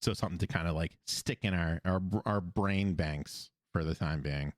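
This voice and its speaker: A man with a very low voice talks through an animated episode in loose, chatty fashion, laughing along with his co-host. The sound is close and dry, with no room around it. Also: moderate pace, no echo. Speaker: podcast co-host. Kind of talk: casual episode recap chat. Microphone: podcast microphone.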